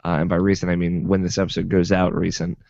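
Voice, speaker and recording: A young man with a lowish voice, bantering on a podcast and stumbling over restarts as he jokes. The sound is dry, close and dull, like lo-fi podcast audio. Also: monotone, fast talker, gravelly, a little mellow, no echo. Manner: joking, stammering restarts. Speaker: podcast co-host. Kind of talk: casual chat.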